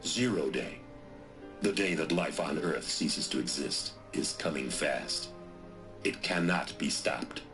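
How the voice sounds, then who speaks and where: A grim commander with a very deep voice. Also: male voice, heavily acted. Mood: grave. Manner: solemn, measured delivery. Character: grim man confessing wartime lies. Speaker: military commander in an audio log. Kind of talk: game voice acting. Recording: game audio with music behind.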